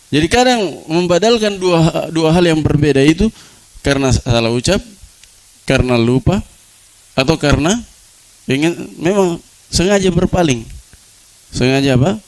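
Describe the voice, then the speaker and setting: A man's voice: lively intonation, normal speed, pauses often, a little mellow, poor audio. A man teaching Arabic grammar to a class, often asking rhetorical questions, answering them himself and repeating key words. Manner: repeats key words, drops to a low voice for examples. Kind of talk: classroom lecture.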